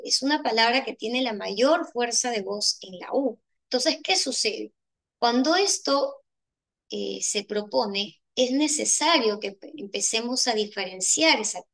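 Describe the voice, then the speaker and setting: Gravelly-voiced woman teacher explaining. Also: on the high side, fairly bright tone. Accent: Peruvian Spanish. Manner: explanatory, asks rhetorical questions. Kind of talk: exam solution lesson.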